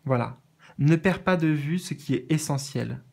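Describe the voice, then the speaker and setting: A man doing a casual spiritual card reading, earnest and gentle, with many fillers and restarts. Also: a little high, measured pace, gravelly. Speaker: medium reading oracle cards.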